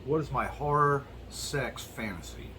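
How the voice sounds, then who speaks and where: A man's voice: mid-range voice, unhurried, bright, forceful tone. A man chatting casually and candidly to viewers, swearing freely, his mouth burning from spicy food as he tastes hot sauces and answers questions. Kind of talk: casual solo chat to viewers. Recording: clearly noisy background.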